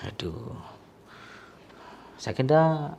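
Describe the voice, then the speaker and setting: A man's voice: medium pitch, expressive, extremely slow, vocal fry, warm tone, muffled recording, slight background noise. A male sports massage therapist, explaining to viewers while treating a patient, chatty and full of sympathetic exclamations. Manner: chatty, alternates coaxing the patient and addressing viewers.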